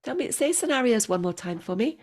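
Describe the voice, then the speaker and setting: A woman coaching English pronunciation over a video call, patient and encouraging, modelling phrases slowly. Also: on the high side, big pitch swings. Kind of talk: one-on-one online pronunciation lesson.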